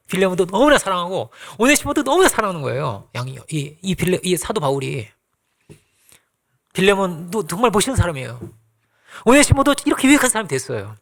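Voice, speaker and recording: A man preaching a conversational sermon as pastor, acting out quoted lines and dropping to soft asides. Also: high-pitched.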